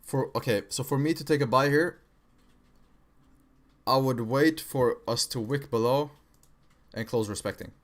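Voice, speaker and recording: On a live stream, a young man from Kosovo casually walks viewers through trading charts, speaking slangily with lots of "bro" and "right?" His accent sounds American, and his mid-range voice keeps a measured pace.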